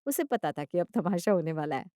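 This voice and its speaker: A woman narrating a family story in an even, steady storytelling voice. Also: on the low side, a little fast, no echo, studio quality.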